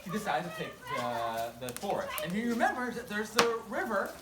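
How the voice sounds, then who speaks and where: Her mid-range voice has a sing-song lilt and a normal pace as she leads an interactive story for a group, relaxed and self-mocking, urging people to chime in. Listeners shout back in an echoey room, captured from a distance amid crowd noise.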